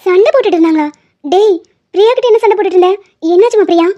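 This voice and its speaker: Stern cartoon granny, high voice, scolding, voiced by a woman. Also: rapid-fire, warm tone, highs cut off. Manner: scolding, demanding. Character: stern grandmother, scolding her grown son.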